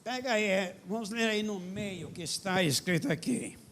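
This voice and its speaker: Impassioned high-voiced pastor. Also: male voice, expressive, moderate pace, slight background noise. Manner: impassioned, rising to loud emphatic questions. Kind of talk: sermon.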